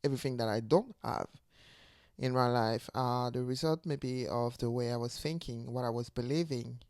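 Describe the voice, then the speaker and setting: Talking to camera without a script, a woman in her forties from Ivory Coast, a teacher and channel host, reflects as she searches for words. Her very deep voice is a little mellow and moves at a moderate pace, in a dry, clean studio recording.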